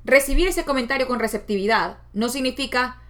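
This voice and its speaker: A woman speaks in a relaxed, motivational talk. Her voice sits a little high, and she lets it rise and fall when she mimics the voices in her head. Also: brisk. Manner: expressive, acts out inner voices with shifts of pitch. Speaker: self-help speaker.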